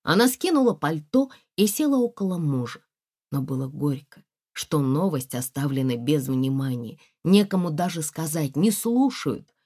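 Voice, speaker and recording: A woman reading a story aloud in an expressive storytelling way. Her voice sits low but moves with lively swings of pitch. She narrates in steady audiobook style. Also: moderate pace.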